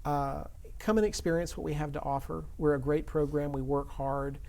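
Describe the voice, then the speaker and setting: A man's voice: on the high side, steady tone, moderate pace, creaky, dark tone. A man speaking as an interview guest and theater educator, earnest and emphatic in conversational answers.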